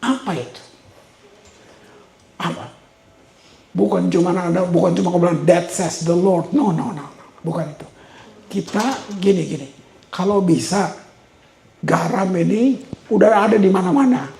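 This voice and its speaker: Gravelly man preaching in roomy hall. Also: high-pitched, unhurried, pauses often, darkish tone. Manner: storytelling, repeats words for emphasis. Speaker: pastor. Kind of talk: sermon. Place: church hall. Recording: roomy church hall echo.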